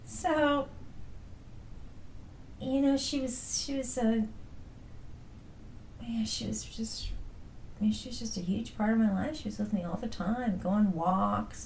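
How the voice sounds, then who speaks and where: Playful woman laughing a lot, high and lively, chatting with family, echoey room. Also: slow, long pauses. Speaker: interviewee. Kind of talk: casual family conversation. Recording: roomy recording with faint noise.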